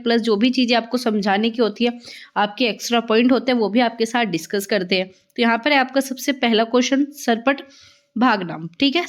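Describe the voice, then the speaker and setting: A woman teaching an exam-prep grammar lesson, asking and answering her own questions and often saying "ठीक है". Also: a little high.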